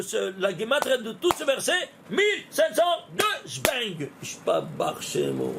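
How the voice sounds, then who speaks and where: A man gives an animated Torah lesson in a high, gravelly voice whose pitch swings widely. He keeps asking his listeners questions and working through numbers with them. A faint background noise sits under the recording. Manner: lively, questioning, talks straight to listeners, laughs often. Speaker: rabbi teaching Torah.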